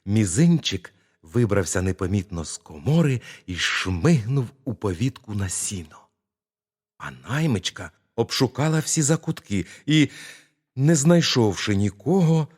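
A man narrating a bedtime fairy tale in a slow, expressive storytelling manner. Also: lowish voice.

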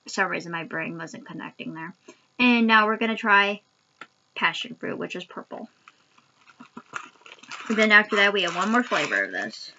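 A woman's voice: mid-range voice, animated, normal speed, long pauses, bright, forceful tone, muffled recording, slight background noise. A young adult woman chatting casually to camera as a vlogger while eating sour candy, recorded on a webcam in a home room. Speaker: vlogger doing a candy taste challenge. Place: small home room, indoors. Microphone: webcam at arm's length.

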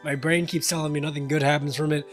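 Talking fast in a fairly high, flat voice, this gaming channel host is a worn-out young man doing a laid-back let's-play late at night. He curses, laughs and answers the game while its music blares loudly under his speech.

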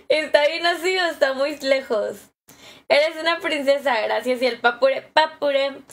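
High-voiced Mexican woman chatting on stream. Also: slow pace, pauses often, a bit bright. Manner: chatty, greets viewers by name, laughs easily. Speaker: live streamer. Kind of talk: casual live-stream chat. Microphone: phone camera held close.

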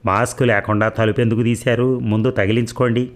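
A man's voice: mid-range voice, level tone, fairly quick, natural voice. Man putting on a scolding older wife. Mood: scolding, worried. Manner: sarcastic, scolding. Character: sharp-tongued anxious older housewife.

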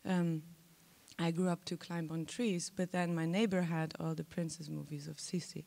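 A woman's voice: sits low, little pitch movement, moderate pace, vocal fry, darkish tone. A woman actress speaking candidly and playfully on a theater stage into a handheld mic, often restarting her sentences. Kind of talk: festival panel talk.

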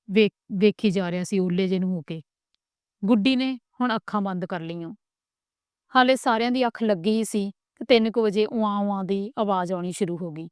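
A woman storyteller with a Punjabi accent reads a family tale at a steady pace. Her voice is smooth and resonant and recorded very dry, with no room sound. The narration stays plain and even. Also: medium pitch, no echo. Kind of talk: storybook reading.

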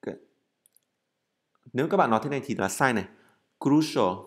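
In a recorded English lesson, a man explains things step by step as he writes, using lots of fillers and self-corrections and drilling words by repeating them slowly. His voice is medium-pitched, expressive, and fairly bright in tone.

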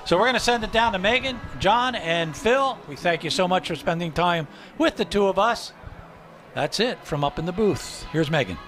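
A man's voice: high-pitched, expressive, moderate pace, a bit bright. A man calling a college football postgame show from the broadcast booth, upbeat and promotional. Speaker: play-by-play announcer. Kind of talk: sports broadcast commentary. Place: press box booth. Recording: broadcast with music bed behind.

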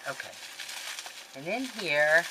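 Slow and expressive, this low female voice comes from a scrapbooking vlogger in her fifties filming a chatty haul video in her craft room at home. She rambles and gushes over her craft supplies, recorded on a desk webcam with heavy background noise.

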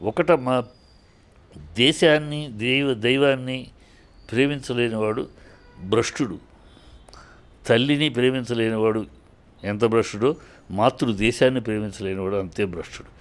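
A man's voice: medium pitch, normal speed, pauses often. A man giving heated spoken commentary in an interview, scolding and indignant, firing off rhetorical questions and often restarting his sentences.

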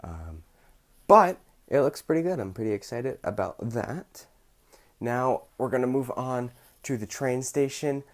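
A man's voice: mid-range voice, animated, unhurried. A young man chatting upbeat in a casual vlog from a small bedroom, with lots of ums. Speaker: vlogger.

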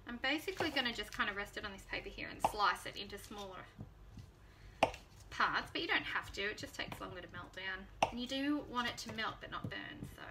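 A woman's voice: a little high, recorded from a distance, very noisy. A woman in her thirties chatting casually to viewers as she cooks in her home kitchen. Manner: chatty, easygoing, talks to viewers while cooking. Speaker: home cooking vlogger. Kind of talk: casual cooking demonstration.

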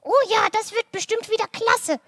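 A woman's voice: extremely high pitch, normal speed, voice pushed up. A woman voicing a cheerful, giggly puppet boy in a children's church show. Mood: eager. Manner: excited, giggling.

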